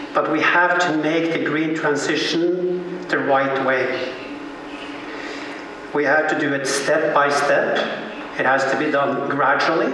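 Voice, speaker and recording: A man giving a conference speech in measured, deliberate phrases. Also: on the high side, noisy background. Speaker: conference speaker. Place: large conference hall. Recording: echoey hall, from far off.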